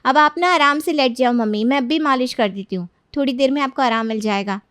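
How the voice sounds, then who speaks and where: A woman's voice: sits high, brisk, a bit bright, no echo, clean studio sound. A woman voicing a kind, obliging young woman in a cartoon story, talking sweetly and always ready to help.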